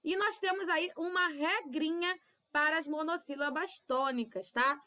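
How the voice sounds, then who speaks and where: Woman, Brazilian Portuguese accent, primary teacher, didactic, high voice. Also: bright, forceful tone. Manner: didactic, drawn-out syllables, frequent "tá?" checks. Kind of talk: recorded remote class for children.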